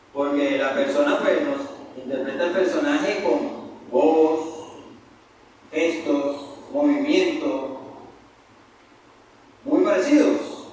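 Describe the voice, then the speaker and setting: A man's voice: fairly high pitch, darkish tone, slight background noise. A man preaching a sermon, emphatic and calling the congregation brothers, recorded in a church hall from a distant mic.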